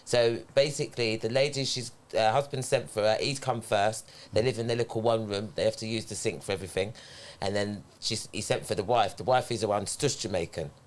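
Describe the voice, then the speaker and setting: A man's voice: lowish voice, brisk. A man in a casual chat, telling stories expressively. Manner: expressive storyteller who acts out quotes.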